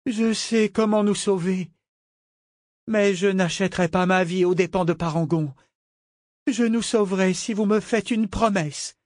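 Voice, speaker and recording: A man's voice: high voice, unhurried, darkish tone, no echo, studio quality, pitched above the performer's own voice. A man voicing a desperate, defiant young woman in an audiobook. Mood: urgent resolve. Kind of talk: audiobook character voice.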